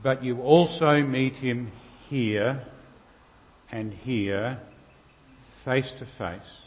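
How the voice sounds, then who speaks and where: Man, Australian accent, church preacher, storytelling sermon, unhurried short phrases, cathedral echo, slightly muffled recording. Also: mid-range voice, steady tone. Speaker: Lutheran preacher. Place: large reverberant church. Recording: long cathedral-like reverb, slightly dull sound.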